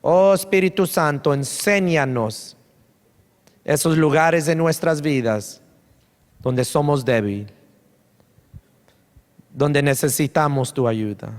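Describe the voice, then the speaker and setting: A male pastor leads his congregation in prayer at the altar. His voice sits a little high for a man, and he draws each pleading phrase out slowly and repeats it. His words ring through a large sanctuary with a long, lingering reverb. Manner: fervent, repetitive prayer leading, drawn-out pleading phrases; switches languages mid-prayer. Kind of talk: leading altar prayer in a church service. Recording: long church-hall reverb.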